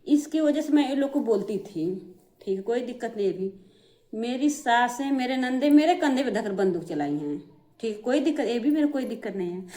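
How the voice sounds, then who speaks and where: A woman's voice: fairly high pitch, mellow. A middle-aged woman, vlogging to camera and airing family grievances in an aggrieved, repetitive way. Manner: aggrieved, repetitive, addresses viewers directly. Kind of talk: emotional family complaint to camera.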